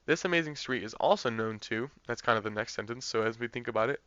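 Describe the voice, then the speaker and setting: A man's voice: mid-range voice, fast, fairly bright tone, no echo, lo-fi sound. A man tutoring test prep, explaining practice test answers in a conversational way, thinking aloud with fillers and restarts.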